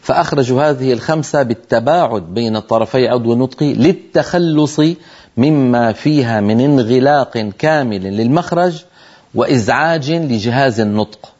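Measured male tajweed teacher. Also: mid-range voice, a little mellow, muffled recording. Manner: demonstrates letter sounds, asks listeners to try along; measured, explanatory delivery. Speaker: Quran recitation teacher. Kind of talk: televised tajweed lesson.

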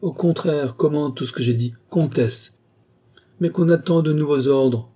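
A man voicing a weary middle-aged king who speaks in a placating, gently reproachful way. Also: on the high side, a little slow, slightly rough, pitched above the performer's own voice.

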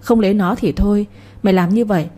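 A woman's voice: medium pitch, fairly even intonation, fast talker, mellow, lightly acted. A woman voicing an indignant middle-aged village mother who scolds her husband and daughter. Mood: reproachful. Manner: reproachful, indignant.

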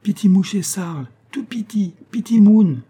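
A man reads the part of a loyal forest guide with a French Guianese Creole accent, and he speaks in short, hushed, halting phrases. The voice sits clearly higher than the narrator's own and keeps a husky grain. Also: lively intonation, heavily acted. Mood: worried.

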